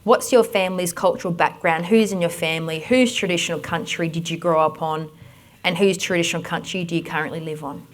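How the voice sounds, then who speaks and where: A woman with an Australian accent presenting a conference workshop, giving direct, energetic instructions to the audience. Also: fairly low pitch, brisk, slight background noise.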